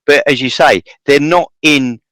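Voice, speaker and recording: A man's voice: fairly high pitch, measured pace, fairly bright tone, no echo, rough recording. A man hosting a podcast interview, earnest and agreeable, running his thoughts together in long sentences. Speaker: podcast host.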